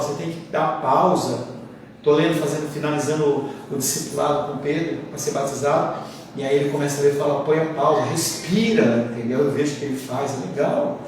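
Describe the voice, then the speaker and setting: A man with a Brazilian Portuguese accent preaches a sermon as a pastor, keeping it conversational and full of asides and anecdotes. His pitch is fairly high, with slight background noise. He's in a church hall, recorded from far off in an echoey room with faint ambience.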